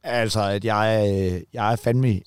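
A man's voice: lowish voice, fairly even intonation, clear, resonant tone, no echo. Rambling Danish man in his forties. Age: 40s. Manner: rambling, stammers and repeats words, swears casually. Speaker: podcast co-host. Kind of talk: casual chat.

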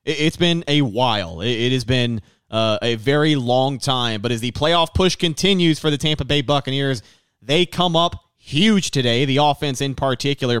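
A man's voice: mid-range voice, a bit bright, clear, resonant tone, dry recording, studio quality. A man hosting a sports podcast, presenting a live post-game recap in a polished, broadcast-like way.

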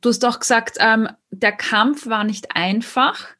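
A woman with a fairly high voice hosts an interview podcast. She asks her questions hesitantly, with many fillers, and affirms her guest. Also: measured pace, bright, forceful tone. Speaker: podcast host. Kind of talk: casual interview conversation.

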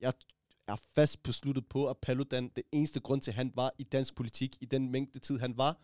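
A young man co-hosting a casual podcast, talking in a lively, slangy way and often acting out what others said. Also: medium pitch, no echo, clean studio sound.

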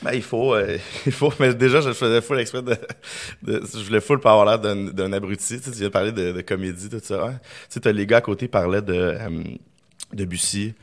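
A young Québécois man, a film director, telling stories in a casual podcast conversation and acting out quoted lines. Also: on the low side. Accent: Québécois French. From Quebec. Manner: rapid storytelling, acts out quoted lines.

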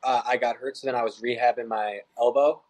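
A young man who plays college baseball chats easily as a podcast guest, telling stories in a casual interview. His mid-range voice is steady, brisk and somewhat dark in tone, and the audio quality is poor.

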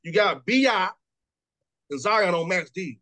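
A man in his thirties, a sports radio host, talking fast and casually, repeating words and laughing often. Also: high-pitched, expressive, sharp tone. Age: 30s. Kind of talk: casual sports talk interview.

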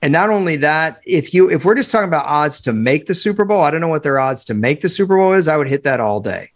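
A man's voice: a little high, quick pace. Opinionated man on a remote sports podcast. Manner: animated, opinionated, talks in bursts with fillers. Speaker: podcast co-host, football analyst. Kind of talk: casual sports podcast chat.

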